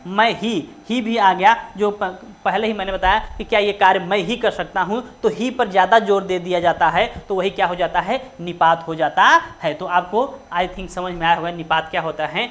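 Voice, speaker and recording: A woman's voice: mid-range voice, a bit bright. Woman teaching, asks and answers herself. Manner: keeps asking rhetorical questions and answering them herself; slows to stress words one by one. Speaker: Hindi grammar teacher. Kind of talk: exam-prep lesson.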